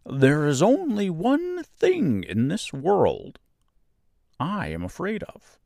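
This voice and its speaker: Storybook scarecrow: naive, earnest, polite, pitched high with wild swoops, slow husky drawl. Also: male voice, wildly swooping pitch, mellow, dry recording, studio quality, heavily acted. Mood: cheerful, confiding. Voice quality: rather husky. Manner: slow, drawn-out, swooping delivery.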